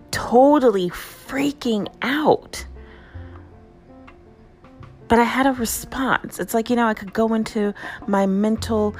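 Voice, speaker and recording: A woman hosting a casual motivational talk, conversational and lively, often checking in with "right?". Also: medium pitch. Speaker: host.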